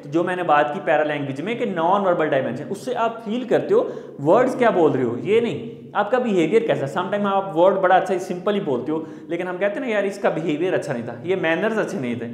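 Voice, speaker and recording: A man's voice: high-pitched, lively intonation, a little fast. A man giving a recorded lecture, explaining points and repeating them as he checks in with the listener. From Pakistan. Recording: echoey room with long reverb.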